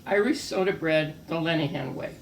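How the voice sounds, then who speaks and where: A woman's voice: sits low, normal speed, vocal fry. An older woman co-hosting a homemade cooking video, chatting casually and gushing over the food as she tastes it. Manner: gushing, savoring the food aloud. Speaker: co-host of a home cooking video. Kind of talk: casual cooking demo chat. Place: room in a retirement community home. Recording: echoey room, voice from far off, faint hiss.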